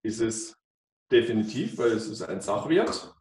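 A man's voice: fairly low pitch, very animated, a little slow, darkish tone, slight background noise. A man in his fifties, a financial advisor presenting at a whiteboard in an office, explaining with many fillers and restarts. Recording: echoey office, mic far off.

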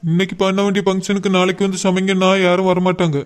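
A man's voice: high-pitched, monotone, fast, clean tone, natural voice. A man voicing a doting young father, soothing and determined. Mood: telling.

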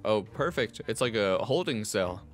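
A man's voice: fairly low pitch, expressive, moderate pace, soft background music. Sarcastic young man reading a game. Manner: sarcastic and cussing. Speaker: game streamer. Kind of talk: playing and reading a visual novel aloud.

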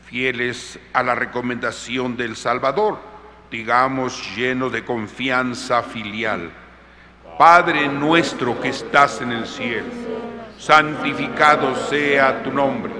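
A man leading Mass as a priest, reciting solemn, measured liturgical prayers in a long cathedral-like echo. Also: medium pitch, bright, forceful tone. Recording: echoing cathedral-like reverb, congregation around.

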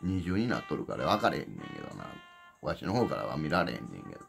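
A man's voice: a bass voice, very animated, quick pace, creaky. A man with a Kansai accent, casually announcing his upcoming livestream in a blunt, rambling way that repeats itself. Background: background music.

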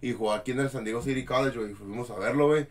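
Fast-talking guy telling a story. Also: mid-range voice. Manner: slangy, animated storytelling. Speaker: podcast co-host. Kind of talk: casual chat.

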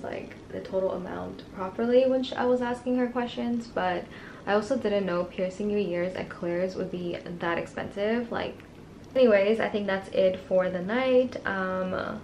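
A woman's voice: mid-range voice, creaky, darkish tone. Young woman rambling at her camera for her vlog, chatty, noisy handheld audio. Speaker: vlogger. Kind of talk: casual daily vlog.

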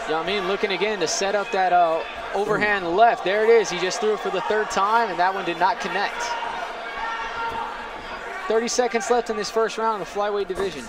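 A man's voice: sits high, steady tone, a little fast. A man giving live play-by-play commentary on amateur MMA fights. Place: indoor arena, cageside. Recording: very loud crowd noise. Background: loud crowd.

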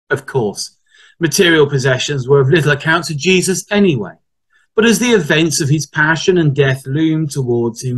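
A man, a priest, reading scripture and then preaching a sermon in a measured, deliberate way. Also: a little high, husky, low-quality recording.

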